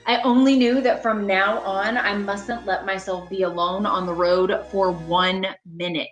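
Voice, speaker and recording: A woman's voice: mid-range voice, steady tone, a little slow, close to an everyday voice. A woman playing a haunted, anxious motorist in an amateur radio play, narrating her journey in an earnest, dramatic way. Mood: tense, haunted. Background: prominent music.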